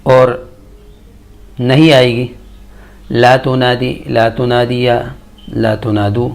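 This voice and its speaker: A man teaching Arabic verb conjugations in a slow, measured lesson, reciting tables one form after another. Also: mid-range voice, little pitch movement, vocal fry, darkish tone. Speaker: Quran and Arabic grammar teacher.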